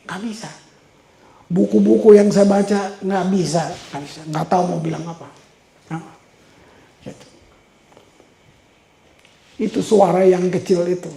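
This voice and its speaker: Gravelly man preaching in roomy hall. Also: sits high, mellow. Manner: storytelling, repeats words for emphasis. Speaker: pastor. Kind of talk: sermon. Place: church hall. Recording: roomy church hall echo.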